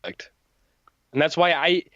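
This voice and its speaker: A man's voice: on the high side, drawn-out words, pushed and bright, no room sound, lo-fi sound. A young man co-hosting a podcast, gushing enthusiastically about a film in casual chat, often giggling. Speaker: podcast co-host. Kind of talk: casual movie review chat.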